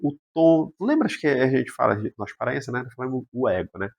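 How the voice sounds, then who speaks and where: Man, psychologist guest, casual podcast talk, rhetorical questions, medium pitch. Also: fairly quick, creaky, husky, muffled recording. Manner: explains with rhetorical questions, very animated emphasis.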